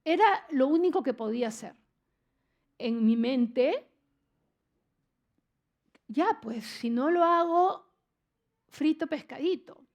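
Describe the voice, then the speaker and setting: Older lady preaching in church, high voice, earnest and emotional, stops and restarts a lot. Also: animated, slow, long pauses. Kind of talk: sermon with personal testimony.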